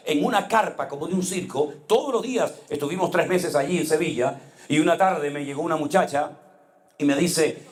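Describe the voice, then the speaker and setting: A male pastor preaching a sermon, telling stories with passion and dropping to hushed tones at times. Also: on the high side. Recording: echoey room.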